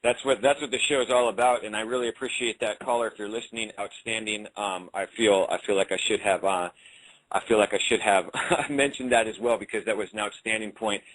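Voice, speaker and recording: A man hosting an interview show, relaxed and a little hesitant, taking questions from a chat room. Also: lowish voice, a little fast, rough recording. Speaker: show host. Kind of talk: interview conversation.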